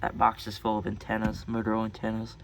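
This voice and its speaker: Talking fast in a lowish, creaky monotone, an American man shows off his radio collection at home. The show-and-tell is casual and unscripted, rambling and hesitant, with frequent self-corrections, and the recording is very noisy.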